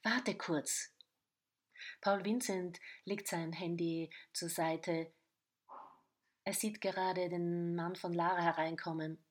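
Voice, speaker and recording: A woman's voice: on the low side, flat delivery, slow. A woman narrating a short crime story in episodes, reading the dialogue in varied voices. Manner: reads dialogue in varied voices, some whispered.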